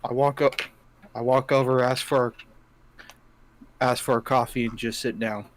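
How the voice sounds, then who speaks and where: A man playing in a tabletop role-play session, describing his character haltingly with many fillers and restarts, and swearing casually. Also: mid-range voice, fairly even intonation, a little hiss or hum. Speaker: player.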